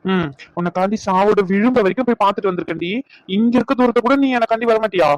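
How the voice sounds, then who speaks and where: A man's voice: high-pitched, dry recording, dull audio, close to an everyday voice. A man voicing an injured young man in a cartoon who teases his tearful girlfriend with mock threats. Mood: playful. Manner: teasing, mock threats, rapid speech. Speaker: voice actor. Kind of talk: cartoon dub acting.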